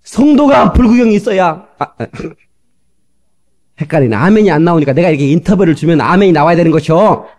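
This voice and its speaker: A middle-aged man delivers a fervent sermon in a somewhat high, very lively voice that swoops widely in pitch. He slips between quiet, chatty asides and sudden loud bursts, acting out the people he quotes. The sound comes from an old cassette tape transferred to digital. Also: brisk. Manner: fervent preaching with sudden shouts and acted-out quotes. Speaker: pastor.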